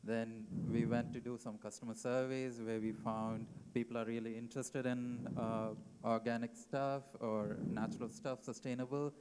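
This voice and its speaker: Flat-voiced man pitching with many pauses. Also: heavy background noise. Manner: hesitant, filler-heavy. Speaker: startup co-founder pitching. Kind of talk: pitch presentation.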